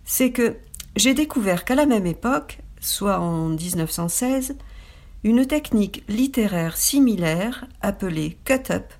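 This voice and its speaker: A woman's voice: medium pitch, lively intonation, a little slow, darkish tone. A woman giving a scripted, informative narration with a light, playful touch. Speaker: presenter.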